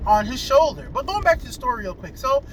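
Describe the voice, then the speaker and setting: Speaking fast in an extremely high, sing-song voice, the video reviewer rambles eagerly and casually about a movie. Vehicles and general ambient noise fill the background.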